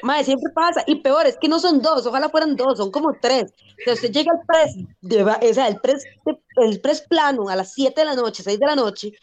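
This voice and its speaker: A woman's voice: sits high, moderate pace. A woman with a Costa Rican accent, a guest on a casual podcast, speaking in a blunt, emphatic way. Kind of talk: casual chat.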